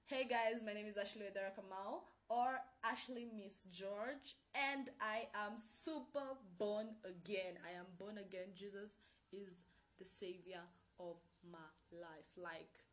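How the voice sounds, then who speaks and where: A bubbly Kenyan woman in her twenties opens her solo podcast with hype-girl energy, mixing Swahili slang into her English chat. Her voice is medium-pitched and her pace unhurried.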